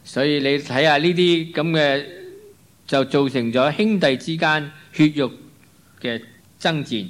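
A man's voice: a little high, measured pace. A man interpreting a sermon phrase by phrase, following the preacher closely with occasional restarts. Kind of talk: consecutive sermon interpretation into Cantonese.

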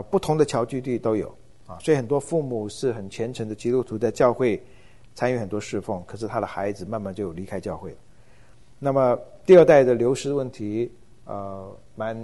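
A middle-aged man teaches in a relaxed, unhurried lecture. His voice is mellow and warm, and he often pauses with hesitation fillers as he thinks aloud. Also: mid-range voice. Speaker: church ministry lecturer. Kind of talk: informal lecture.

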